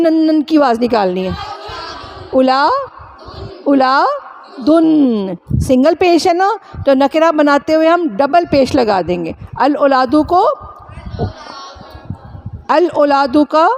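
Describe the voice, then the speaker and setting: A high-pitched woman from Pakistan teaches a grammar class. She drills her students by repeating syllables again and again and keeps quizzing them with short, quick questions. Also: darkish tone, slight background noise.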